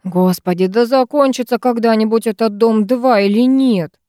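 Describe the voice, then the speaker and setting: A woman voicing a sullen, sharp-tongued teenage girl in an audiobook, curt and scornful, in a dry, close recording. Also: medium pitch, a little fast, dry recording, close to an everyday voice.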